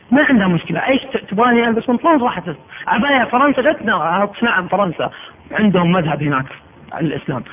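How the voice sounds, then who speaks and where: A man preaching a sermon, telling stories emphatically and pressing his points with oaths. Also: high voice. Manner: emphatic, storytelling, swearing oaths. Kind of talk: sermon with storytelling. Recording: tinny phone-like recording, faint noise.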